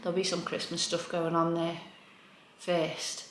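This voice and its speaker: A woman's voice: on the low side, completely flat delivery, unhurried. A woman chatting casually as a home vlogger, thinking aloud in an informal, self-deprecating way. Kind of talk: casual chatty room-tour vlog. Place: indoors in a living room. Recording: echoey room, background noise.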